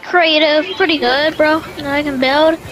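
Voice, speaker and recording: A woman's voice: high-pitched, steady tone, moderate pace, crowd noise, noisy background. A woman chatting casually with teammates as a player in an online video game.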